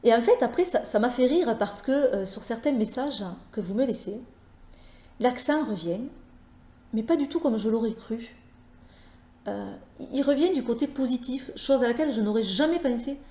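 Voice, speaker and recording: A woman with a Southern French accent talking casually to her viewers, hesitant and halting, with many fillers and restarts. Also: a little high, expressive, dark tone, echoey room. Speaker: tarot YouTuber. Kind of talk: casual vlog talk.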